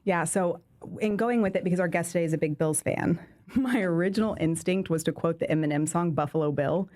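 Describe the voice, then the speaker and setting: Teasing woman co-host, lowish voice. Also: darkish tone. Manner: playful, teasing, quick quips. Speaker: podcast co-host. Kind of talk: casual interview chat.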